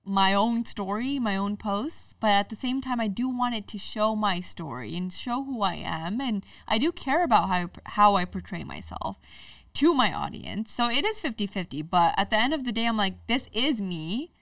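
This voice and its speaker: A woman's voice: mid-range voice, lively intonation, normal speed, a bit bright, no echo, far from the mic. Woman, podcast guest, reflective, jokey, dry sound, set back from the mic. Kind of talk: casual chat.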